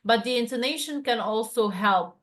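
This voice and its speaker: A woman's voice: fairly high pitch, normal speed, a bit bright. A woman teaching a one-to-one lesson over a video call, explaining patiently with many fillers and restarts. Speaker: French tutor.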